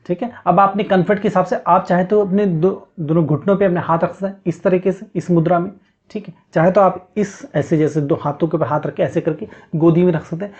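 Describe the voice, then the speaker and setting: A man's voice: high voice, a little mellow. A man giving step-by-step meditation instructions in a patient, repetitive way, often checking in with the listener. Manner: repetitive, coaxing, frequent "theek hai" check-ins. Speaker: meditation teacher. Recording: dull lo-fi sound.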